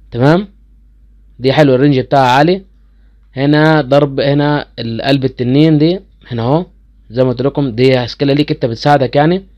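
A man's voice: mid-range voice, warm tone. A man with an Egyptian accent chatting casually to viewers as he explains game skills, easily incredulous. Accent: Egyptian Arabic. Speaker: gaming channel host.

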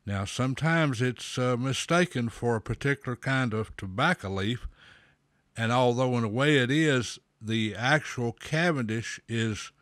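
A man talking slowly with a pipe in his mouth, a folksy host explaining at a measured pace with pauses. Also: medium pitch, fairly bright tone, dry recording, studio quality. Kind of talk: slow, deliberate explainer talk.

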